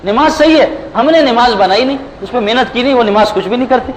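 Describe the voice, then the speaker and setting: A man's voice: very high-pitched, expressive, slight background noise, low-quality recording. A man delivering a religious sermon, telling everyday anecdotes and often asking his listeners a rhetorical "right?". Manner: storytelling with anecdotes, frequent rhetorical "hai na?". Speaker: preacher.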